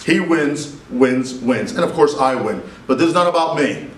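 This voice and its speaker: A man's voice: mid-range voice, animated, moderate pace, natural voice. Man playing a boastful wrestling-promo hype man, echoey. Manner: emphatic, repetitive, boastful. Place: small classroom at a lectern. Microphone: camera a few meters away. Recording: echoey classroom, distant camera mic.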